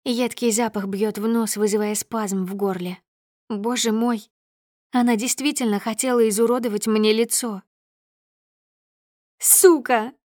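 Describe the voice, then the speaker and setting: A woman reading a first-person story aloud in a measured, dramatic storytelling manner. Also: fairly high pitch, fairly even intonation, a little mellow, dry recording, studio quality. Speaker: audiobook narrator. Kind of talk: first-person audiobook narration.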